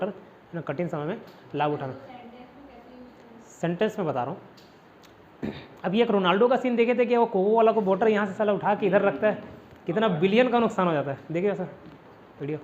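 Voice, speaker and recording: A man's voice: high voice, a little mellow, highs cut off, a little hiss or hum. A man from India teaching a casual vocabulary lesson in a classroom, explaining each word with repeated rhetorical questions.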